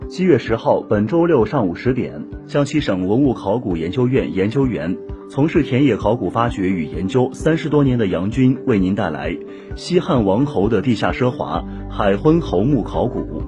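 Male announcer reading event info, lively, music under. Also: lowish voice, normal speed, hardly any pauses. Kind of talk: scripted lecture announcement.

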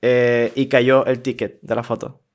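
A young man with a Venezuelan accent, casually telling a story on a podcast, slangy and animated, acting out what people said. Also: mid-range voice, a little slow. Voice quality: animated, slangy, acts out quoted voices. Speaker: podcast co-host.

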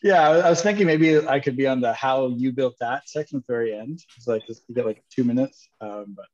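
A man's voice: medium pitch, brisk, a little mellow. A man in his thirties, an entrepreneur guest chatting casually, upbeat and joking. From Canada. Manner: upbeat, joking, laughs often. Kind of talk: casual interview chat. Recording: dull lo-fi sound.

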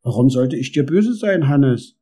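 A man's voice: mid-range voice, lively intonation, unhurried, mellow. A man voicing a young, prim girl beetle who speaks earnestly, in a storybook reading.

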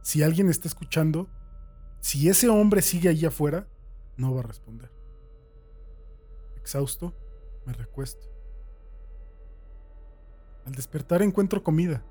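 A man's voice: a little high, measured pace, pauses often, slightly rough. A man reading a first-person horror story aloud as a dramatic scripted narration. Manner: dramatic reading that swings from hushed to shouted.

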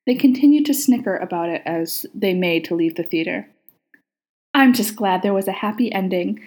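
Woman narrator, mellow warm tone, calm storytelling, reading fiction aloud. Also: fairly low pitch.

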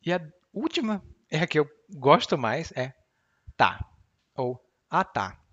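A man teaches everyday Portuguese expressions in a podcast lesson. His pitch swings widely as he acts out little example conversations. The recording sounds a bit dull and lo-fi. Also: takes it slowly, breathy edge. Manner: lively, acts out example dialogues. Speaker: language teacher.

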